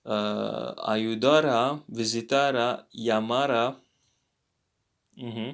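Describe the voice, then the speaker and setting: Slow, gravelly male language teacher. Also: mid-range voice, steady tone. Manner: halting, many fillers and repeats. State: tired, yawning. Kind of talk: casual language lesson.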